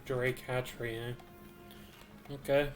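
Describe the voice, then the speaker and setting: A man streaming a video game, slowly musing aloud to himself in casual commentary. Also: medium pitch, level tone, faint music behind. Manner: slow, musing, mutters to himself.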